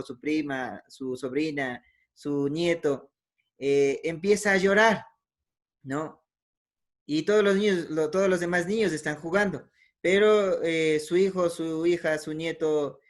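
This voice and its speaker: A man giving a conversational teaching talk, with frequent "eh" fillers and self-corrections, often tagging phrases with a questioning "¿no?". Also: on the high side. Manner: ends many phrases with a questioning "¿no?". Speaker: speaker giving a talk on emotions.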